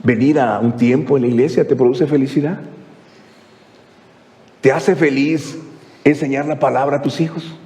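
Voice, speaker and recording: A male pastor preaching a sermon, asking rhetorical question after question and swinging from hushed to exclaiming. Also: mid-range voice, steady tone, moderate pace, long pauses, long reverb tail. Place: church.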